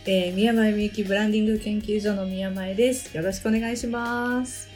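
A woman's voice: medium pitch, steady tone, brisk, a little mellow, soft background music. A woman from Osaka with a Kansai accent, a branding consultant chatting and explaining on a podcast, laughing easily. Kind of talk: casual podcast chat.

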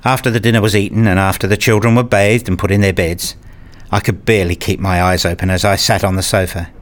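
In a radio play, a deep-voiced man plays a weary, exasperated husband and father, narrating in the first person and reasoning placatingly through dialogue. He talks fast with fairly even intonation, and his voice sounds natural.

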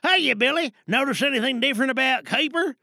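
A man's voice: very high-pitched, animated, brisk, bright, forceful tone, no room sound, exaggerated voice. An actor voicing a bossy male casting director who gives curt orders.

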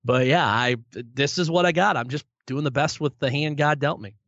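Fielding interview questions, a young play-by-play sports broadcaster keeps things good-humored and self-deprecating, with plenty of restarts. His voice sits a little high and fairly bright, at normal speed. The sound is dull lo-fi, without echo.

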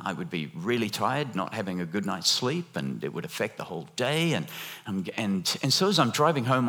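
A man delivers a sermon in an animated, conversational way, his voice rising and falling across a wide range. He stops and restarts often, fills pauses, and keeps turning to the congregation with chatty, joking asides. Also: medium pitch. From lived half in Australia, half in America. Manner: animated, halting with many restarts and fillers. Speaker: guest preacher. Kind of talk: sermon with audience interaction.

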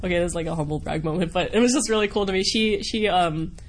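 Talking fast in a voice on the low side, this American woman from Wisconsin, a voice actor, rambles chattily through casual interview answers, giggling and joking at her own expense. Background noise is noticeable throughout.

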